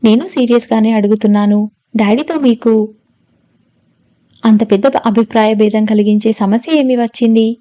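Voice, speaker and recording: Woman reading a calm, reasoning male lawyer. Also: a little high, moderate pace, long pauses, no echo, highs cut off, close to an everyday voice. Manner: soothing, reasoning.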